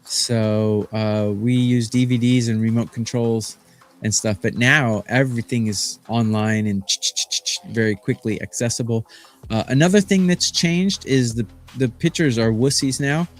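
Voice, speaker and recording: A man's voice: medium pitch, unhurried, soft background music. A man in his fifties from Arizona, a sports betting handicapper talking on a live stream in a boastful, rambling way with lots of fillers. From Phoenix, Arizona. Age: 50s.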